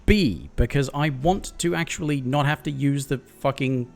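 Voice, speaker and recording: A man's voice: medium pitch, moderate pace, vocal fry, soft background music. A man streaming a video game, swearing and ranting in frustration at bugs. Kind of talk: casual gameplay commentary.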